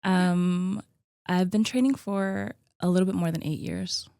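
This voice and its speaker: A woman's voice: on the low side, a little slow, gravelly, clear, resonant tone, dry recording, clean studio sound. A woman in her thirties, a guest on a podcast, talking casually and easily with plenty of "like" and "um" fillers. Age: 30s. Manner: chatty, relaxed, many likes and ums. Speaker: podcast guest, gym co-owner. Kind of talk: casual conversational interview.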